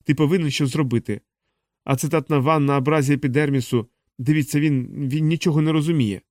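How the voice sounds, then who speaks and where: A man voicing an alarmed, excitable male physicist. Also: a little high, quick pace, dry recording, studio quality, natural voice. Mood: urgent. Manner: excited, raised and urgent. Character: agitated male physicist on an alien planet.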